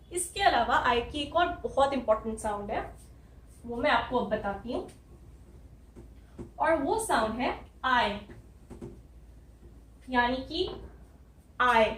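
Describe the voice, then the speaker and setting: An Indian woman teaching an English lesson, spelling out sounds letter by letter in a slow, careful way. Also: on the high side, a bit bright, reverberant, recorded from a distance, poor audio. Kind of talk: spoken language lesson.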